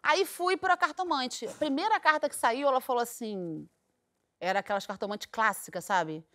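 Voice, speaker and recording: A middle-aged woman tells a comic story on a talk show. Her voice sits high, and she acts out every quoted line with bursts of laughter. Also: moderate pace, bright, forceful tone. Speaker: guest storyteller.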